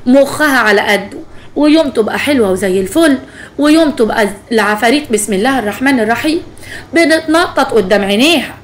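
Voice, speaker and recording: A woman's voice: on the high side, animated, fast, lightly acted. A woman voicing a kind, pious older mother-in-law with an Egyptian Arabic accent who speaks soothingly, in a spoken story.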